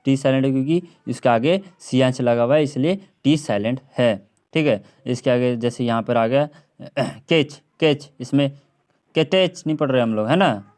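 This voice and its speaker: Male tutor, mid pitch; drills words by repetition, clears throat often. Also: normal speed, darkish tone. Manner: repeats words over and over, drawn out, with frequent throat clearing. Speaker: English teacher. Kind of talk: classroom lesson on silent letters.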